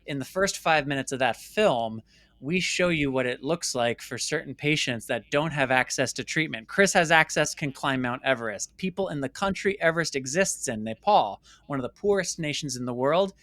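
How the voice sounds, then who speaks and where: This documentary filmmaker from the United States talks as an interview guest, sharing reflective personal stories with earnest emphasis and repeated words. His voice is medium-pitched and a bit bright, with lively intonation and a moderate pace, in a dry recording.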